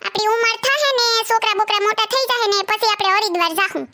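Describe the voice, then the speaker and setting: A man's voice: very high-pitched, fast, bright, forceful tone, slight background noise, full character voice. A man playing a stingy young husband who grumbles and makes defensive excuses, speaking. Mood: grumbling.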